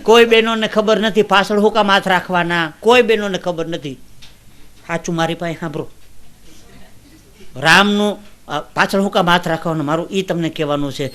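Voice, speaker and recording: High, bright-voiced comedian. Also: male voice, moderate pace. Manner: swings from hushed asides to loud emotional declaiming, laughing at his own jokes. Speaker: stand-up comedian. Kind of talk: Gujarati folk stand-up storytelling.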